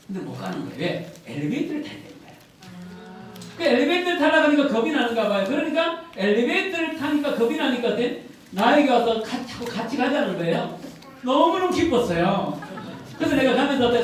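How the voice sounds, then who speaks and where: A man's voice: extremely high pitch, slight background noise. A male pastor preaching a sermon in a chatty way, often asking the congregation rhetorical questions. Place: church sanctuary. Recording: very echoey hall, voice from a distant mic.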